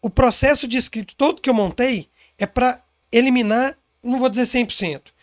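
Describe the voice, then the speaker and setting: A man's voice: very high voice, normal speed, no room sound, studio quality. A man talking as a sales consultant in a casual interview, emphatic and explaining with examples.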